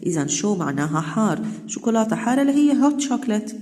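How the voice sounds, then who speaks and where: A woman teaching French, saying phrases slowly and then explaining them quickly. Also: mid-range voice, big pitch swings, warm tone, in a large hall. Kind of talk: bilingual language lesson.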